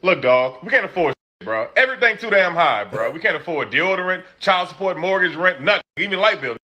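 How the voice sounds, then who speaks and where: A man's voice: high-pitched, animated, a little fast, sharp tone, muffled recording. A man asking a question bluntly in slangy street talk.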